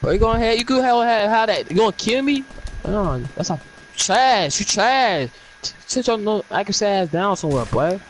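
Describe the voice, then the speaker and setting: A man's voice: high voice, sing-song, normal speed, a little hiss or hum. A young man taunting other players and swearing a lot during a game. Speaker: gamer. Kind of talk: trash-talking gameplay chat.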